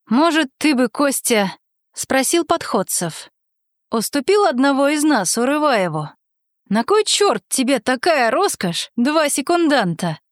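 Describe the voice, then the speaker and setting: A woman's voice: sits high, big pitch swings, unhurried, no echo, studio quality. A woman reading aloud, voicing a young man who politely teases and plays along with irony. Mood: ironic. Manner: polite, ironic, teasing. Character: mocking, ironic young man playing along.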